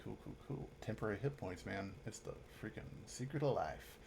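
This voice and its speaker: A man's voice: lowish voice, a little fast, gravelly, noisy background. A man acting as game master, casually narrating a tabletop game in an easygoing way and often repeating his phrases.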